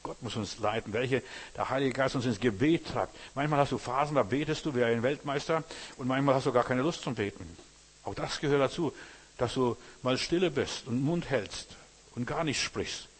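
A man's voice: mid-range voice, moderate pace, slightly rough. A man preaching a sermon in earnest German-language style, addressing his listeners directly as brothers and sisters.

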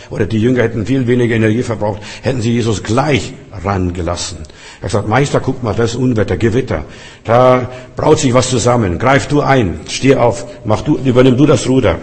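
A man preaching a sermon, repeating refrains and swinging between loud and soft. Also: mid-range voice. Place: Berlin Cathedral. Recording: long reverb of a large church.

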